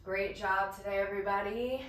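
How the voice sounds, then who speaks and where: A woman's voice: mid-range voice, steady tone, moderate pace, fairly bright tone, distant mic, a little hiss or hum. A woman leading a pilates workout, cheering and counting reps while out of breath. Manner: upbeat coaching with counting and cheers. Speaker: pilates instructor. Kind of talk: cueing a workout class. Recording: roomy echo, voice from off the mic.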